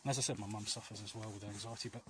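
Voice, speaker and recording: Very fast and fairly low-pitched, with fairly even intonation, a vlog host walks through alleys while giving viewers earnest, comforting advice. His chat is casual and rambling, he often loses his thread, and outdoor ambience is clearly audible.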